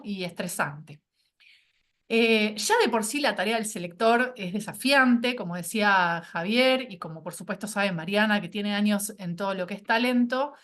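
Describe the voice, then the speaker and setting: A fairly high-voiced woman presents a course while a bit sick with a cold. She speaks with hesitant fillers and often checks in with her listeners through little tag questions. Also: fairly bright tone. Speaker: course instructor. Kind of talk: online presentation.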